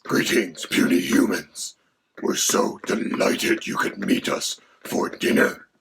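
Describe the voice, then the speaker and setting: A voice, given as male, playing a haughty dragon companion with a gravelly, creaky, half-whispered sound. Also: slow pace, fairly bright tone, slight background noise. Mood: mock menace. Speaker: co-host.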